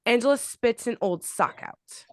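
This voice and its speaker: A woman's voice: fairly high pitch, animated, measured pace, no echo, studio quality. A woman giving scripted narration, reading out stage directions at a table read.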